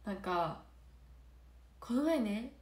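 A woman chats casually on a livestream, giggling often and drifting between soft murmurs and brighter bursts. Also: on the high side, expressive, takes it slowly. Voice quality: nasal. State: stuffy nose. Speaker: idol trainee on a livestream. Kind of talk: casual livestream chat answering comments. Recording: roomy echo.

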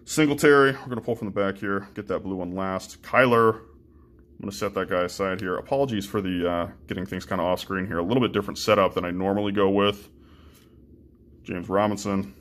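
A man's voice: sits low, steady tone, fairly quick, a bit bright. A young man casually chatting and swearing as he opens trading card packs, with lots of ums and restarts. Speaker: card-breaking channel host. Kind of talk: casual card-opening commentary.

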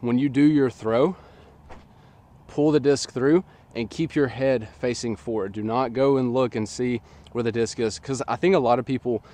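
Out in an open field, a twentysomething coach with a sinus-infection nasality chats through a disc golf technique at medium pitch and normal speed. The relaxed instructional talk is captured by a tripod-mounted camera set some distance away.

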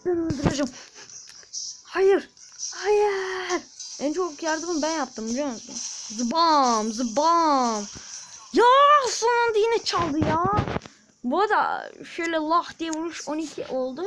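A woman giving casual gameplay commentary as a channel host, excitable, with frustrated outbursts and shouted sound effects. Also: high voice, fairly quick, background noise.

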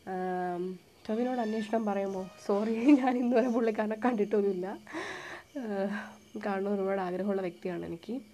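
A young woman with a Thiruvananthapuram Malayalam accent, chatting live and answering viewer comments in a soft, hushed voice with English words mixed in. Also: mid-range voice, a little hiss or hum. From Kerala, India. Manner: soft-spoken, quiet, almost hushed; mixes English words into her talk.

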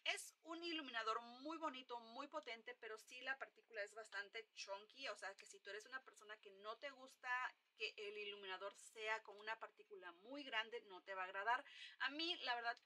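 A woman's voice: fairly high pitch, bright, forceful tone. A young woman, chatting casually through a makeup review with lots of hesitant fillers. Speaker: makeup vlogger. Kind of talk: casual product review chat.

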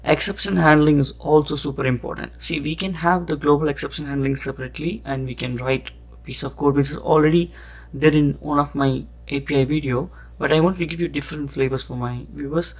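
A man's voice: a little high, a little fast. A man hosting a coding tutorial, explaining code step by step as he types, thinking aloud with frequent "okay" and "that's it". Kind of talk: screen-recorded coding walkthrough.

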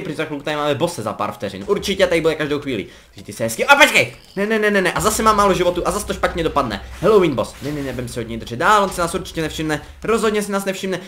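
A young man giving casual, joking commentary over a game he is playing, rambling along and breaking into excited yelps. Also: a little high, a little hiss or hum. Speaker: gaming commentator.

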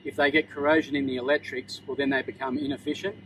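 A man's voice: mid-range voice, little pitch movement, quick pace, noisy background. A man in his thirties with an Australian accent, giving a plain, practical product demonstration outdoors on a roof. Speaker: product presenter. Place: outdoors on a sunny metal roof.

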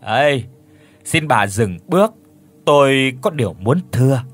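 A man voicing a calm, wise old man who speaks in a gentle, measured way. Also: medium pitch, faint music behind. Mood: solemn.

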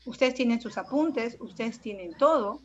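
A woman runs an online language lesson, fairly high-pitched, patient and affectionate yet firm. Her voice comes through a dull, lo-fi video call. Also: expressive, moderate pace, darkish tone, slight background noise. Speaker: secondary school language teacher. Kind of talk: online class. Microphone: computer mic on a video call.

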